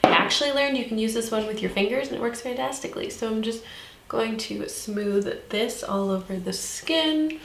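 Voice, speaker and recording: A woman's voice: on the high side, normal speed, creaky, a little hiss or hum. A young woman working as a makeup artist, chatting earnestly and upbeat in a casual beauty tutorial. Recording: echoey room.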